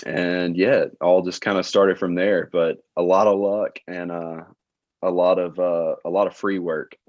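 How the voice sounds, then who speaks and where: A man in his late twenties from South Alabama with a Southern accent, telling stories as a podcast guest in a relaxed way with lots of filler words. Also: low-pitched, measured pace, dry recording, lo-fi sound. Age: late 20s. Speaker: guest, tour manager. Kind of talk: casual interview chat.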